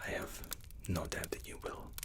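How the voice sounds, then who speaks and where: Playing hotel and spa staff in an ASMR role-play, a man speaks in a gentle, polite, leisurely whisper.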